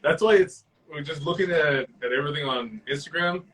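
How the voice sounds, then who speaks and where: A male co-host with a somewhat high voice, full of enthusiasm, swearing and laughing often. He sounds a little distant from the microphone. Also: brisk, fairly bright tone. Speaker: podcast co-host. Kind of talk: casual podcast chat.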